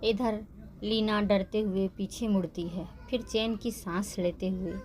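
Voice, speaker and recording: Woman, narrator, romance story reading, steady and even, middle pitch. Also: measured pace, slight background noise.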